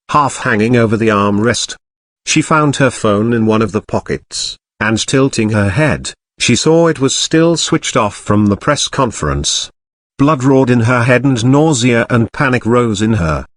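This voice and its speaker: A man narrates a crime novel with measured, expressive storytelling. His pitch moves in a lively way, and the recording is dry and close. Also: dry recording. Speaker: audiobook narrator.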